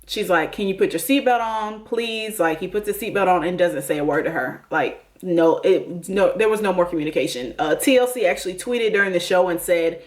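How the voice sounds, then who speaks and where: A woman's voice: lowish voice, brisk, hardly any pauses. A woman hosting a casual TV recap, chatty and opinionated, full of "like" and "you know". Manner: chatty and opinionated, with many fillers. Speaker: recap host.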